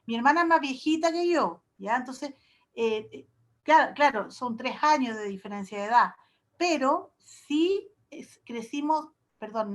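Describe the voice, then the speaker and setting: Woman, high voice, chatty professor, online lecture, homely examples. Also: fairly bright tone. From Chile. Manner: chatty, explains with homely comparisons and diminutives. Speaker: university professor.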